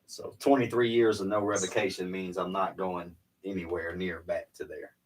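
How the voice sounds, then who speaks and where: A man's voice: deep voice, flat delivery, normal speed, distant mic, poor audio. A man in his forties, a podcast co-host, telling candid stories in a rambling casual chat.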